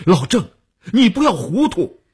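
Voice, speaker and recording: A middle-aged tycoon under pressure, grave and decisive, barking sharp orders, as a male storyteller plays him. The voice is low and husky, with lively swings in pitch. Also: moderate pace. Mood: commanding.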